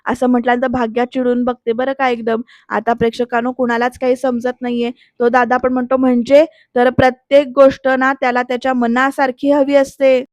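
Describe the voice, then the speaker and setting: A woman's voice: on the high side, monotone, a little fast, hardly any pauses, dry recording. A woman recapping a TV serial episode in a chatty way, addressing viewers directly with frequent tag fillers.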